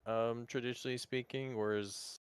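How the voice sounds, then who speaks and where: A man playing a tabletop game, talking hesitantly in halting phrases. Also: medium pitch, fairly even intonation, clear, resonant tone, no room sound, clean studio sound. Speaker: player. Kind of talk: casual tabletop game chat.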